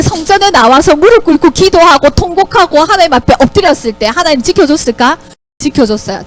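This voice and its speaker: Brief: Sunday school teacher, woman, high voice, very lively intonation, asks the kids questions. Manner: asks the children questions, animated storytelling. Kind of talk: Bible lesson for children.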